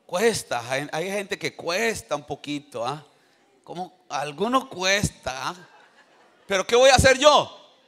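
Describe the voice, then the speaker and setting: An older man preaching a sermon in a church, animated, with sudden shouts and call-and-response to the congregation. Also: high-pitched, measured pace. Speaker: pastor.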